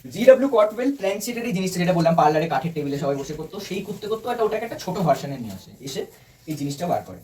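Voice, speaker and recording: A man's voice: high voice, sing-song, rapid-fire, a little mellow. A young man giving a casual presentation to a small group of friends, chatty, asking them questions and joking as he explains. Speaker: student presenter. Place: indoor room with a small group. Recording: distant mic with light room noise.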